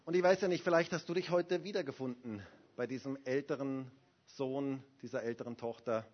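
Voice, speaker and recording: A male Pentecostal pastor preaching a sermon, swinging from loud exhortation to hushed, intimate appeals. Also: mid-range voice, a little fast, highs cut off.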